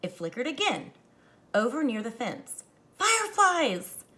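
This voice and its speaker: A female teacher with a mid-range voice reads a picture book aloud to children at a moderate pace, addressing them directly. She is animated and expressive, dramatizing the story lines and adding explanatory asides.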